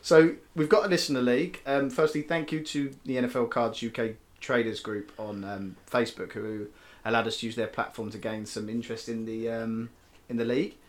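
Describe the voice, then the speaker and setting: A man's voice: medium pitch, flat delivery, a little fast. A man co-hosting a casual sports podcast, chatty and self-mocking with many fillers. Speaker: podcast co-host.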